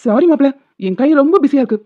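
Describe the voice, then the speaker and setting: A petty, gloating male college principal teases his friend in a cartoon, played by a woman. His voice sits high and the sound is tinny and narrow, as if through a phone. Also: animated, quick pace, no room sound. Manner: mocking, gloating.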